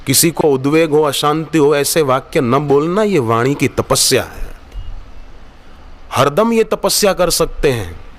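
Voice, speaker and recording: With a fairly high voice and a slightly slow pace, a spiritual teacher preaches a devotional sermon to an ashram gathering. He quotes Sanskrit verses and acts out dialogue within his stories.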